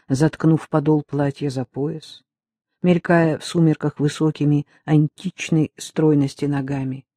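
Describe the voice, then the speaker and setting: A narrator reading a literary novel aloud in a measured, even manner. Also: medium pitch, husky, no echo. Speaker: audiobook narrator.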